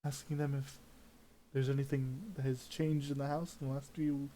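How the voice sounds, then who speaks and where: A man's voice: mid-range voice, level tone, mellow, poor audio. A man playing a tabletop role-playing game, talking hesitantly in character and describing his character's actions. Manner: hesitant, halting delivery with fillers. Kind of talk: in-character roleplay with narration.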